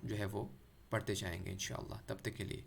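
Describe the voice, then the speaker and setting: A man teaching Quran recitation, explaining letters patiently and drawing out sounds slowly for practice. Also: on the low side, flat delivery, creaky, slight background noise. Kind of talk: explanatory lesson with demonstrated pronunciation.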